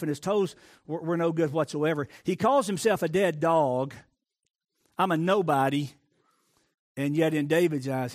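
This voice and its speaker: High-voiced middle-aged preacher. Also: male voice. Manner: swings from loud emphatic preaching to hushed soft asides; repeats words and phrases for emphasis. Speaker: pastor. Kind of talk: sermon.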